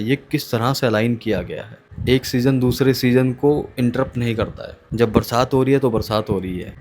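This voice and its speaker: A man in his thirties speaks in a calm, musing monologue and hosts his own channel. His voice sits at an ordinary middle pitch, and he mixes English phrases into a relaxed conversational flow. A faint hiss of background noise lies under the recording. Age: 30s. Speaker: channel host. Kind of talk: reflective monologue.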